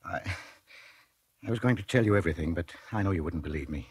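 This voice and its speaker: In a 1940s radio drama with faint music behind, a man narrates in first person as a meek, lovelorn character resigned to a murder charge. His low, darkish, breathy voice is fast, hesitant and stammering, pleading in agitation.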